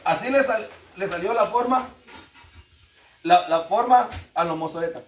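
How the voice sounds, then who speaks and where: A man's voice: high voice, brisk, a bit bright, a little hiss or hum. A man with a Salvadoran Spanish accent teaching a Bible lesson to a class, repeating key words emphatically and asking the class questions. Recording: echoey room, speaker far from mic.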